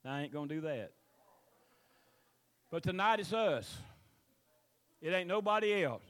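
Male country pastor, high-pitched, Southern US drawl, folksy rambling sermon delivery with drawn-out scripture. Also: expressive, fairly bright tone. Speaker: pastor preaching to his congregation. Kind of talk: sermon, mixing scripture reading with plain exhortation.

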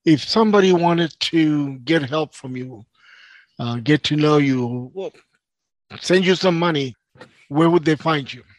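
A man hosting a podcast, asking questions and thanking his guest in a slow, deliberate way. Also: on the high side, no echo. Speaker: podcast host. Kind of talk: interview hosting.

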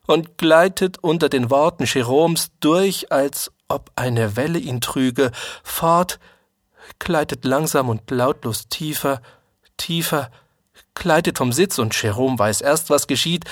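A man reading a literary story aloud in a calm, measured manner. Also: mid-range voice, no echo, clean studio sound. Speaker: narrator.

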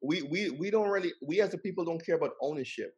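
A man's voice: fairly high pitch, quick pace, darkish tone, breathy edge, dull audio. A middle-aged man speaking as a guest in a casual discussion, earnest, often repeating words as he builds a point.

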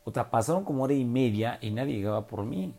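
A man's voice: medium pitch, lively intonation, quick pace, creaky, mellow. A young man from Oaxaca with a Mexican Spanish accent, telling a personal story in a casual, slangy way with many fillers and tag questions.

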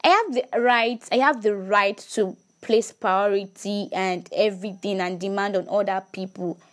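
A woman's voice: medium pitch, moderate pace. A woman giving a casual faith talk to her viewers, emphatic, repeating words and asking rhetorical questions.

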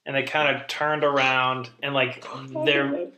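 A man's voice: medium pitch, level tone, unhurried, bright, forceful tone, roomy sound. A young man, a podcast co-host, telling family stories in casual chat, rambling and interrupting himself with laughs.

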